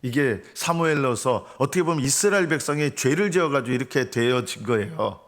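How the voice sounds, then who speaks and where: A man's voice: medium pitch, animated, brisk. A middle-aged man, the senior pastor, preaching an early-morning sermon in an earnest way, often asking rhetorical questions.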